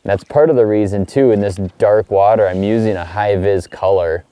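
Brief: middle-aged male fishing host, low mellow voice, easygoing outdoor how-to. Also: moderate pace. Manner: relaxed, upbeat, excited exclamations when fish bite. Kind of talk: casual on-the-water fishing tutorial. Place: outdoors on a kayak on a small lake.

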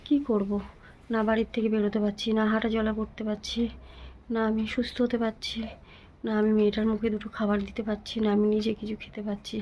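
A woman vlogging from home to her viewers, talking in a weary, pleading, soft way with a sore throat. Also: medium pitch, monotone, quick pace, lo-fi sound, slight background noise. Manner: weary, pleading, speaks softly. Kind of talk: casual vlog talk to viewers.

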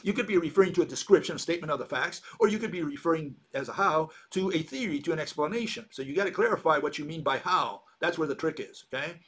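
A man's voice: on the high side, lively intonation, quick pace, few pauses, fairly bright tone, breathy edge. A man hosting a sardonic monologue, rambling and mocking, with many hesitations and restarts. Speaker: channel host.

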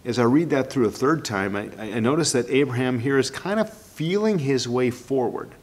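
A man's voice: medium pitch, animated, moderate pace. A man preaching a sermon as pastor, earnest and thinking aloud, often repeating words and restarting his sentences.

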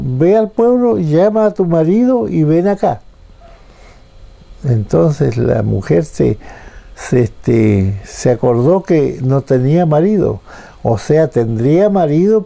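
A man preaching a radio sermon, telling a Bible story slowly and haltingly. His voice is very dark, with a gravelly fry, sitting a little above the usual pitch. He keeps repeating words as he feels his way forward. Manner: halting, repeats words, acts out the quoted speakers in a higher voice. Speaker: pastor.

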